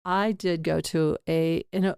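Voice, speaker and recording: A woman's voice: low-pitched, steady tone, slow, gravelly, darkish tone, clean tone, no room sound, clean studio sound. A middle-aged woman hosting a podcast, talking frankly and rambling, often laughing at herself. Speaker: podcast host. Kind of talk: candid casual interview chat.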